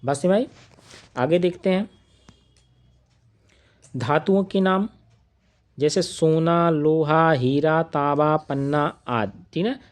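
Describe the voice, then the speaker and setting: A man teaching an online grammar lesson, listing examples one by one and asking questions that he answers himself in a lower voice. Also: a little mellow. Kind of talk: live online grammar class.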